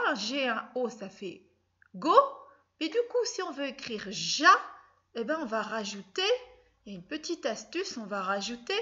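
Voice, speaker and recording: A woman's voice: on the high side, bright, forceful tone, dull audio. A woman teaching children a spelling lesson, speaking patiently, spelling out letters and sounds and often adding a little "hein". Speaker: primary school teacher.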